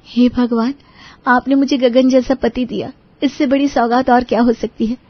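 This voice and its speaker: A woman's voice: on the high side, steady tone, moderate pace, breathy edge, dry recording, muffled recording. A woman voicing a sweet, shy, devout young bride in a cartoon, speaking politely and respectfully.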